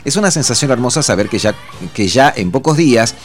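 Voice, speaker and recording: A middle-aged Argentine man hosting a radio show, effusive and chatty, stumbling over fillers and restarts as he reads listeners' messages. His voice sits at an ordinary middle pitch. Soft music plays faintly beneath him. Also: expressive, a little fast. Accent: Argentine Spanish. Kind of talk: casual radio talk.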